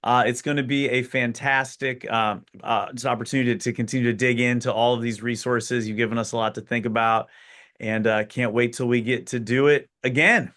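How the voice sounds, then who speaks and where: Bright-voiced man hosting a webinar. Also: medium pitch, fairly even intonation, brisk. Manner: brief affirmations and clarifying questions. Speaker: webinar host.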